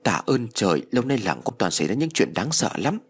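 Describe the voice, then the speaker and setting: A man voicing a curious, talkative village grandmother in a read-aloud ghost story, with a husky voice. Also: lowish voice, sing-song, fairly quick, full character voice. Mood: astonished. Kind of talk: storybook reading.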